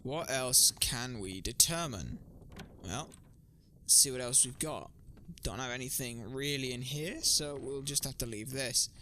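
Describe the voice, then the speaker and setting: A man doing let's play commentary, thinking aloud and getting excitable about a puzzle game. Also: medium pitch, unhurried, a little hiss or hum. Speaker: gaming streamer. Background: background music.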